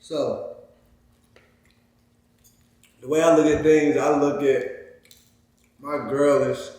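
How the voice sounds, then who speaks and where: A man's voice: on the high side, little pitch movement, takes it slowly, a little mellow, far from the mic. A man co-hosting a couple's vlog, talking in a laid-back, slangy way. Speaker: vlog co-host. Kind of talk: casual chat. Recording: very echoey room.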